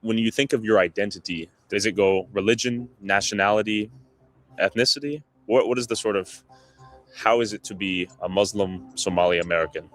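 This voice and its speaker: A man interviewing people on the street, asking calm, inquisitive questions. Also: on the low side, brisk, faint music behind, rough recording. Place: outdoors on a street.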